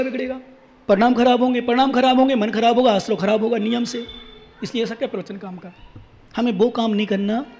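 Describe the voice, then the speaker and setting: A man's voice: extremely high pitch, long reverb tail. A man preaching a sermon as a Jain monk, emphatic and repetitive, asking rhetorical questions and chanting scripture verses. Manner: emphatic, repeats key phrases, asks rhetorical questions.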